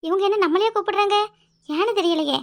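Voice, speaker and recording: A woman voicing a stern, dutiful young unmarried village woman in a cartoon, curt and sharp-tongued, with a southern Tamil accent. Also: extremely high pitch, fast. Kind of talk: cartoon voice acting.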